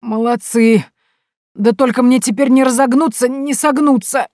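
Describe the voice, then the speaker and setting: Woman putting on a shrill cranky old uncle. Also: moderate pace, dry recording, studio quality, natural voice. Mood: complaining. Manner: loud folksy exclamations.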